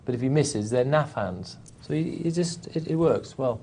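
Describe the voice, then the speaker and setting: A man's voice: medium pitch, lively intonation, normal speed, mellow, a little hiss or hum. A man co-commentating live poker, earnest and agreeable as the sidekick in the banter.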